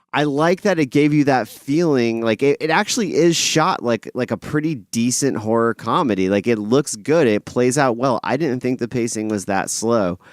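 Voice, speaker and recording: A man's voice: medium pitch, no echo, studio quality. A man co-hosting a film podcast, easygoing and rambling as he gives his opinion. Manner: easygoing, rambling, hesitant with fillers. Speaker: podcast co-host. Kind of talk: casual film review chat.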